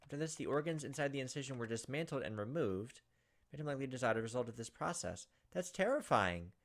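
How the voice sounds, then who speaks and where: Quick and expressive, this young let's play host reads the game's text out loud and tosses in casual remarks. His pitch is medium, and he's recording on webcam at a computer indoors.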